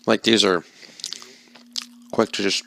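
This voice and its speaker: A man's voice: fairly low pitch, steady tone, slow pace, bright, forceful tone. A man casually reviewing a microwave meal, rambling and unsure of himself, talking while he eats. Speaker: food reviewer. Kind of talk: casual food review vlog.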